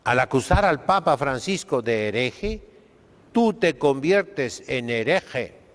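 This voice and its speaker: A man with a Mexican accent delivers a sermon as a priest, speaking at an unhurried, deliberate pace in a mid-range voice. He is emphatic and preachy, tagging his points with questioning asides to his listeners. The recording carries a long hall reverb. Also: medium pitch, expressive.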